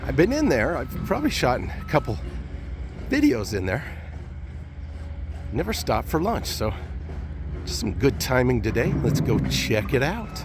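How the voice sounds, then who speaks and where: A man narrating a casual walking vlog with an easygoing, chatty way of thinking aloud, his voice still rough from the morning. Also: medium pitch, wildly swooping pitch, a little slow, long pauses, noisy background. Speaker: vlogger. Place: outdoor plazas and market.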